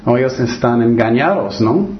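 A man's voice: mid-range voice, animated, moderate pace, lo-fi sound. A man preaching a sermon and reading from the Bible. He often restarts his sentences and throws rhetorical questions at his listeners. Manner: acts out the voices of the people in his stories.

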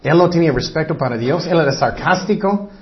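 A man's voice: a little high, animated, a little fast. A man preaching a sermon as pastor, emphatic and repetitive, sometimes acting out short voices. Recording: dull lo-fi recording.

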